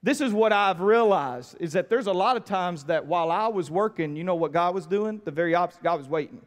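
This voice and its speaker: An American man preaching a sermon as pastor, telling lively stories that swing from quiet lines to shouts. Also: sits high, fairly quick, big-room sound. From United States. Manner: animated storytelling, shifts from quiet to shouting.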